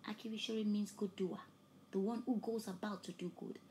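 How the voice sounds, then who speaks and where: A woman whose first language is Yoruba preaches a sermon with an altar call as preacher and host, her medium-pitched voice climbing fervently to loud emphatic peaks. She often drops to soft, breathy near-whispers, at a moderate pace with fairly even intonation, while a faint hiss runs beneath the recording.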